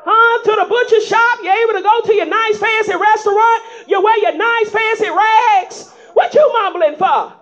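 Speaking at normal speed with hardly a pause, this very high-voiced woman delivers an emphatic, folksy sermon. She rises into shouting and prods her listeners again and again with "huh?" It's captured on a dull, lo-fi recording.

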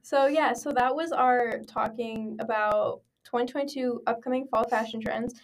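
A young woman with a fairly high voice chats on a casual podcast she co-hosts. She giggles often and fills her talk with "like". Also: fairly even intonation, normal speed. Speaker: podcast co-host. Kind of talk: casual chat.

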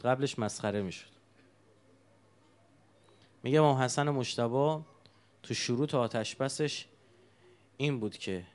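A man preaching a sermon, telling stories with emotion and asking the congregation rhetorical questions. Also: mid-range voice.

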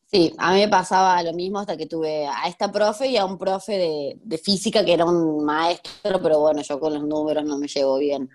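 Here a woman with a low, slightly mellow voice talks at a moderate pace with hardly any pauses. She's a history teacher in her thirties with a Rioplatense Spanish accent, laughing often and leaning on fillers in a casual interview.

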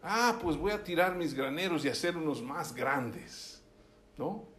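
A man voicing a rich man who muses smugly about building bigger barns, in a slightly lower, quieter voice. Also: measured pace, echoey room, slight background noise.

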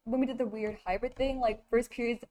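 A woman's voice: on the high side, fairly even intonation, fairly quick, mellow, a little hiss or hum. A teenage girl and student chatting casually, talking with lots of fillers and giggling often. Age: teens. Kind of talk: casual chat.

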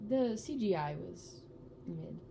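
A young woman co-hosting a casual chat podcast, telling stories in an animated way and acting out her younger self. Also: on the low side, slow pace, gravelly, a little hiss or hum. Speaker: podcast co-host.

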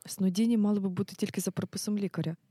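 A woman's voice: mid-range voice, steady tone, racing, warm tone, slightly rough, no room sound, studio quality, lightly acted. A woman playing a night-shift nurse who firmly scolds and lectures a soldier. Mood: stern. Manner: firm, scolding, matter-of-fact. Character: strict night-shift nurse, commanding, caring.

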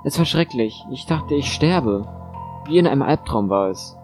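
A man's voice: expressive, normal speed, a little mellow, faint music behind, natural voice. A man voicing a frightened, pleading woman patient in an audiobook, in a raised anxious voice. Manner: anxious, pleading, high-pitched. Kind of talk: audiobook narration.

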